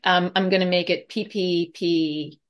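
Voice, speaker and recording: A chatty woman, a guest expert on anxiety, gives parents advice in loose talk full of fillers and restarts. Her voice sits a little low. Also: fairly even intonation, unhurried, highs cut off. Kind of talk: conversational advice.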